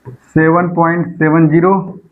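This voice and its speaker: A man with a high-pitched voice walks students through maths exam problems in an online lecture. He works each step aloud, repeats numbers slowly as he goes, and keeps asking the class rhetorical questions. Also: little pitch movement, phone-quality sound. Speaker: maths teacher.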